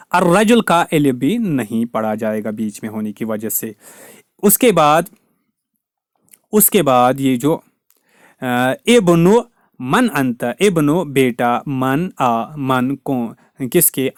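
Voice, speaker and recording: Slow, careful man teaching a lesson. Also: medium pitch, no echo, clean studio sound. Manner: slow, careful explaining, repeats each word with its meaning. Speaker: Arabic teacher. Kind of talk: recorded lesson explaining grammar.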